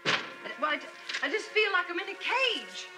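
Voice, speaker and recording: An actress playing a spirited, sporty woman golfer who talks in a brisk, plain-spoken way. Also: very high voice, big pitch swings, music in the background. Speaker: wife and golfer.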